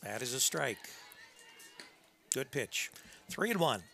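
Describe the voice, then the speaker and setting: A man giving conversational, unscripted play-by-play softball commentary with folksy asides. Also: medium pitch, very animated, slow pace, creaky, faint music behind. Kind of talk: unscripted live sports commentary. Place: press box at a college softball field.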